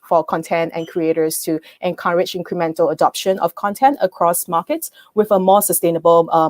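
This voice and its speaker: A woman's voice: fairly low pitch, a little mellow, dry recording. A woman from Singapore introducing herself as a music business consultant on a panel, businesslike and fluent.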